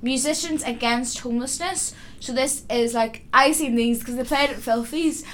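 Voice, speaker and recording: A young Northern Irish woman co-hosts a casual podcast with a high, bright voice. She speaks with passion, stumbling and restarting as her feelings build up. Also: normal speed. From Northern Ireland. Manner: impassioned, rambling with restarts. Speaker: podcast co-host.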